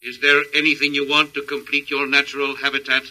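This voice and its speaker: Radio drama role: alien conqueror, emotionless and logical, piercingly bright tone, mid pitch, stiff formal diction. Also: male voice, fast, low-quality recording. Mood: impassive. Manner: flat, formal, stilted precise phrasing. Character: emotionless male alien conqueror, precise, literal-minded, thousands of years old. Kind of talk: old radio drama acting.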